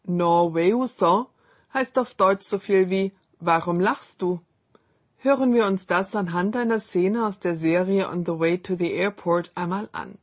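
A woman hosting a scripted radio language lesson, reading model phrases slowly and clearly. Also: medium pitch.

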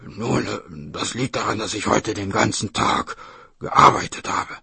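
A sly, hungry storybook tiger that wheedles and stalls when caught out, as a man puts it on. The voice sits low with a gravelly, husky grain. It has a bright, pushed edge and swings widely in pitch. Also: steady tone, unhurried, no echo, exaggerated voice. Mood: flustered. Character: cunning hungry tiger posing as a mother.

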